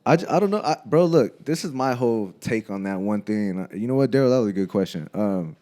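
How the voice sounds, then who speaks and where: Speaking fast and animatedly in a mellow, lowish voice, this man in his thirties co-hosts a podcast. The talk is casual chat, laid-back and full of slang, with frequent laughs and plenty of "bro."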